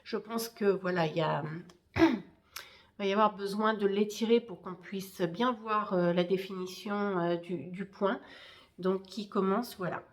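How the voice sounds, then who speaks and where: Slow, hesitant woman talking knitting. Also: medium pitch. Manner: hesitant, many fillers and restarts. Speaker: knitting podcaster. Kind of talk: casual show-and-tell chat.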